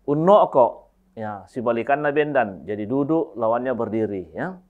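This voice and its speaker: A male teacher giving a language lesson, slowly going through word pairs and often adding "ya". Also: mid-range voice, animated, narrow, tinny audio. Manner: slow, repetitive word-by-word explanation with frequent "ya".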